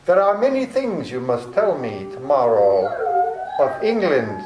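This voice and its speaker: An actor playing a courtly, sinister vampire count with theatrically polite, menacing delivery in an old-time radio drama. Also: male voice, medium pitch, big pitch swings, unhurried, noisy background. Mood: courtly, ominous. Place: live performance at a public library. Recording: roomy live stage sound with music.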